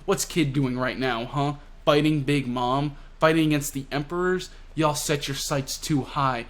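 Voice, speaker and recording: A man's voice: fairly high pitch, fairly even intonation, unhurried, natural voice. A man voicing an arrogant, angry male pirate who blusters scornfully while retelling a comic.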